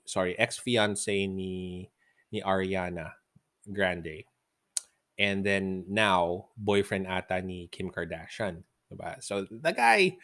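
A man's voice: low-pitched, fairly bright tone, no room sound, studio quality. Laughing man telling funny stories. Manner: laughs often while telling funny stories, mixes English into his talk. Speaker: podcast host. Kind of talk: casual storytelling.

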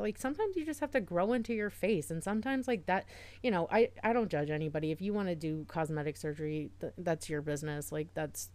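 A woman's voice: sits low, darkish tone, clean tone. A woman co-hosting a podcast in casual chat, talking earnestly with lots of "like" fillers. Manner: chatty, heavy use of "like", earnest and reassuring. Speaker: podcast co-host.

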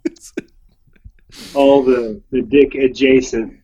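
A man who is a guest on a podcast, dropping deadpan quips and innuendo jokes in casual chat. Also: medium pitch, takes it slowly, breathy edge, lo-fi sound.

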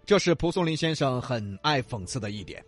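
A man's voice: mid-range voice, expressive, fairly quick, soft background music. A man co-hosting a storytelling podcast, retelling a classic tale with jokes and banter. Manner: joking, playful. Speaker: co-host storyteller.

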